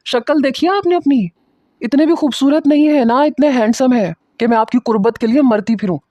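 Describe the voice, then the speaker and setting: A man voicing a defiant, sharp-tongued young bride who scolds and threatens her new husband. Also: extremely high pitch, dry recording, highs cut off, pitched above the performer's own voice. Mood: scornful.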